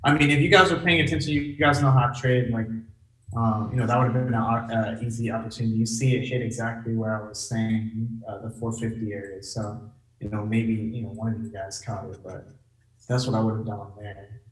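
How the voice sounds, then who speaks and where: A man hosting a live trade room, excitable and chatty, addressing the group directly. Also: on the low side, a little fast, reverberant, distant mic, poor audio. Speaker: trade room signal host. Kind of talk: casual live trading chat.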